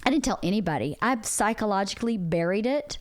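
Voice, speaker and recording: A woman's voice: medium pitch, lively intonation, fast, dry recording. A woman in her forties on a podcast, talking earnestly and openly about a hard personal experience. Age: 40s. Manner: earnest, open and reflective. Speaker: podcast co-host. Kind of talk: candid personal conversation.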